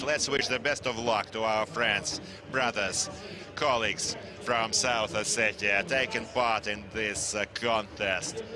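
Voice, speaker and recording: A man giving live sports commentary on a tank competition in formal, halting English. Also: on the low side.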